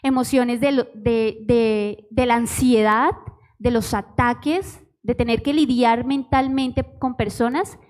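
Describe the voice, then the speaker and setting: A woman giving a church testimony, speaking haltingly and searching for words. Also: a little high, steady tone, darkish tone. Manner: hesitant, halting speech.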